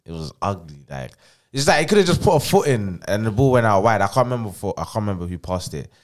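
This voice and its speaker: A man's voice: lowish voice, very animated, fast. A young man with a London roadman accent, grumbling and repeating himself in slangy football chat as a podcast co-host. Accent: London, urban street slang style (roadman).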